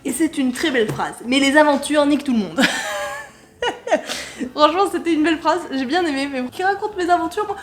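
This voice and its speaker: A playful woman vlogger with a high voice talks her way through an online quiz, cracking jokes and laughing often. She reads English words aloud with a loose, approximate accent in a light, casual tone. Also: expressive, normal speed. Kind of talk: casual commentary while taking an online quiz.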